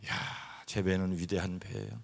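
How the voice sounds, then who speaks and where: A middle-aged man preaching a revival sermon as a pastor, telling animated stories and acting out voices and sounds. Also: low voice, moderate pace, creaky. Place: church sanctuary. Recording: long hall reverb.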